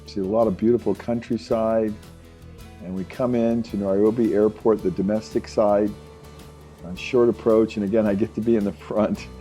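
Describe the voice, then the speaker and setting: Enthusiastic low-voiced man narrating travels over music. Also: little pitch movement, moderate pace, warm tone. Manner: enthusiastic, uses superlatives. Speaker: travel show host and narrator. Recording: music behind the voice.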